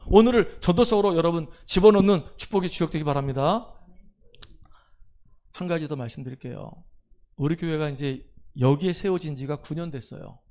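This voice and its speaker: Middle-aged pastor guy, high voice, chatty storytelling sermon that swells into urging the church on. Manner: conversational storytelling, drops to a hush for quoted lines, then rises to exhort. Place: church sanctuary.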